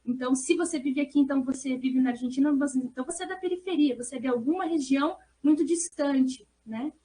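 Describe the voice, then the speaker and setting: A Brazilian researcher with a Brazilian Portuguese accent talks fast in an academic discussion. Her high voice is mellow and gentle, and she explains things earnestly and discursively, often tacking on little check-in tags.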